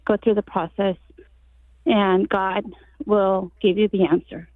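A woman calling in to a radio show over the phone, sharing a brief, earnest comment with some hesitant pauses. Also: mid-range voice, steady tone, dry recording. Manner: earnest, encouraging, a little hesitant. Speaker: caller. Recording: tinny phone line.

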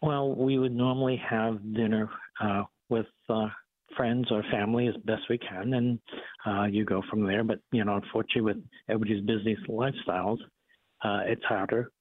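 A man with a Boston accent, a doctor calling in to a radio show, explaining calmly with many fillers. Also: lowish voice, a little fast, dry recording. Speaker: doctor and regular guest. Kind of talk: casual phone-in chat. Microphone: telephone. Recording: phone line.

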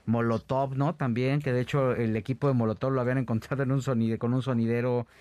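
A man, hosting an entertainment gossip show in a relaxed way and using many filler words. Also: medium pitch, fast, no room sound. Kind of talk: casual gossip chat.

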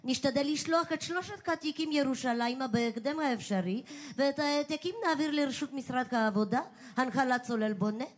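A woman's voice: sits high, natural voice. A woman playing a prim, curt city-hall secretary. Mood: officious. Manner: formal, curt, by-the-book. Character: prim female municipal secretary, unflappable bureaucrat. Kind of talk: radio comedy sketch.

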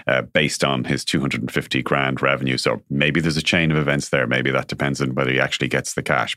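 A man's voice: rumbling low, a bit bright, no room sound, studio quality. A man hosting a conversational interview, musing and hesitant as he puts his questions. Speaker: interview host.

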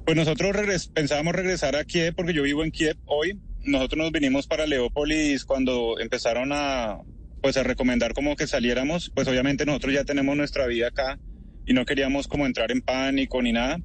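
A Colombian man from Barranquilla, working as a translator in Ukraine, gives a phone interview while driving. His mid-range voice keeps a fairly even intonation at a fairly quick clip, with a light Colombian Spanish accent. He sounds thoughtful and leans on fillers like "pues" and "o sea."

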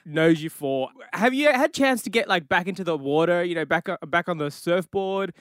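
High, clear-voiced Australian man. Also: lively intonation, brisk, no room sound, clean studio sound. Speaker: interviewer. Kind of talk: casual chat.

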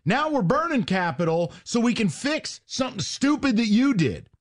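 A man's voice: very high-pitched, big pitch swings, moderate pace. A male sports talk host ranting sarcastically with mocking jabs and heated emphasis.

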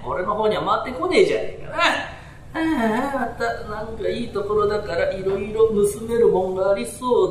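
Performing rakugo live before an audience in a small storytelling hall, a man with a voice that sits high takes on a cocky, greedy, brash Edo burglar who is easily fooled. His delivery swoops lively through rough Tokyo downtown street talk, captured in a roomy hall with faint background noise.

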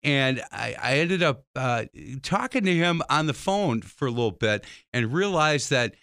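A man hosting a radio talk show, telling stories in a lively, jokey way. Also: unhurried, smooth, no room sound, clean studio sound. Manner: animated, jokey, swings pitch widely when telling stories. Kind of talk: lively conversational storytelling.

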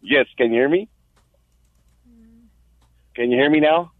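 A male caller from Texas on a phone line that keeps cutting out, halting and asking again and again whether he can be heard. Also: mid-range voice, no room sound. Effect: phone line breaking up, cutting out. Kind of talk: call-in radio chat. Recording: tinny dry phone line.

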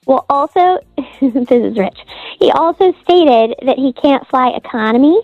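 A woman's voice: high voice, animated, unhurried, dry recording. Woman caller through a morphing voice changer. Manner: hesitant, with many fillers. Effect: voice disguised by a voice changer. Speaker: radio call-in caller. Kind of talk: casual phone chat. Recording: dull lo-fi phone line.

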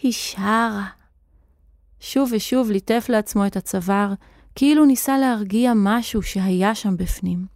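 Woman reading a kids story out loud, expressive, mid pitch, dry close sound. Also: no echo. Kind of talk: children's audio story narration.

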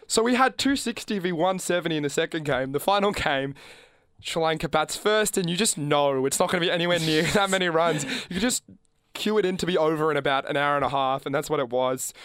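A chatty man with a slightly higher voice, co-hosting a relaxed sports podcast. He talks loosely and often laughs along. The sound is dry and close. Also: smooth, dry recording. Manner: chatty, laughs often, animated when joking. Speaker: podcast co-host. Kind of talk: casual sports chat.

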